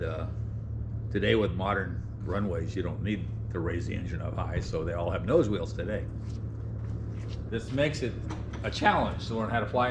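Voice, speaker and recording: An American man, a flight instructor giving an informal, plain-spoken walk-around explanation of an airplane. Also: low-pitched. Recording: outdoor airfield, clear background noise.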